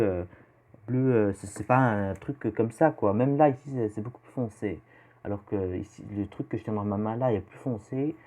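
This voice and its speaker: Over phone-quality sound, a mid-range male voice belongs to a teenage youtuber from Belgium. With his Belgian French accent, he answers questions about himself for a casual self-introduction vlog, rambling, unsure, and heavy on fillers.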